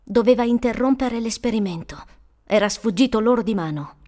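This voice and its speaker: Woman, audiobook narrator, measured, calm, fairly high voice. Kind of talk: scripted narration.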